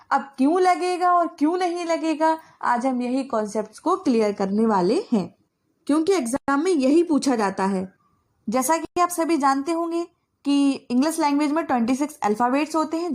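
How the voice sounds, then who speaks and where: Young woman, high voice, grammar teacher, asks then answers her own questions. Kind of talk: exam-prep grammar lesson.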